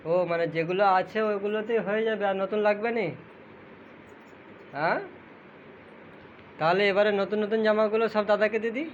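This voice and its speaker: A young father with a high voice coaxes his small child in pleading, sing-song baby talk. The sound is dull and lo-fi, with faint hiss behind it. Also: fairly even intonation, a little fast, long pauses.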